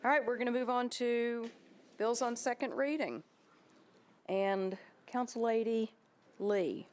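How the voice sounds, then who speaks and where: A woman serving as vice mayor, chairing a council meeting in a brisk, procedural way as she reads bill titles and calls votes. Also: a little high.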